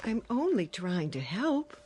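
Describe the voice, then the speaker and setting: Over background music in a radio drama, an actress voices an anxious, smothering mother of grown children, middle-aged and fussing. Her medium-pitched voice is warm, very animated, a little slow and slightly rough, with a fretful, concerned and coaxing insistence.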